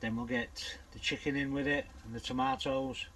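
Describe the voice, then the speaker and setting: A man's voice: medium pitch, very animated, normal speed, gravelly, fairly bright tone, a little hiss or hum, rough recording. An older man, chatting casually to camera in a bankside bivvy while he fishes and cooks a curry. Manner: chatty, matter-of-fact running commentary. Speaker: angler vlogger. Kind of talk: casual vlog narration while cooking. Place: bankside bivvy outdoors at dusk.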